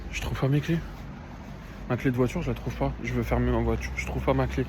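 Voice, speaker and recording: A man's voice: medium pitch, fairly even intonation, fast talker, noisy background. A man in his twenties vlogging casually while driving and walking, exasperated and ranting, with crude swearing. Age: 20s. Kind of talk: casual vlog. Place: in a car on the road, then outdoors. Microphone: handheld phone camera.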